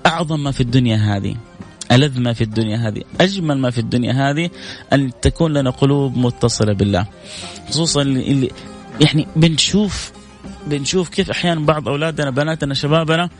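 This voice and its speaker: A man hosting religious radio talk, a fervent preacher who swings between high exclaiming and low solemn recitation. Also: rapid-fire, soft background music.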